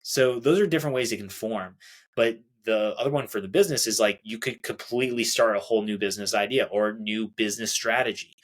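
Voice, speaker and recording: A man's voice: fairly low pitch, brisk. A young adult man hosting a solo self-help podcast, talking casually, restarting phrases and acting out quoted reactions. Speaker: podcast host.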